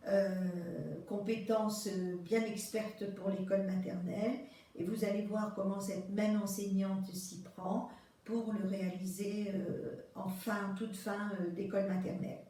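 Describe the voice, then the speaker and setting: A woman commenting on classroom footage as an education lecturer, speaking slowly and with many hesitations. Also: mid-range voice, flat delivery, warm tone. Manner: slow and measured, with frequent hesitations. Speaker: school inspector presenting classroom footage. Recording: distant echoey room with faint noise.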